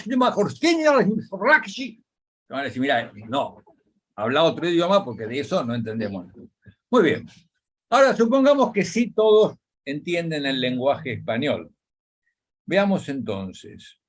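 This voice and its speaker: A man with an Argentine Spanish accent explaining ideas in a webinar talk over a video call, pausing with fillers. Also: mid-range voice. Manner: lively, animated delivery with pauses and fillers. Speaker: webinar speaker on community dialogue.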